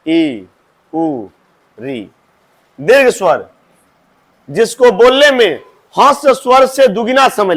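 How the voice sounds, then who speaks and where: A man's voice: sits high, a bit bright. A male teacher, drilling a class on grammar and drawing out vowel sounds.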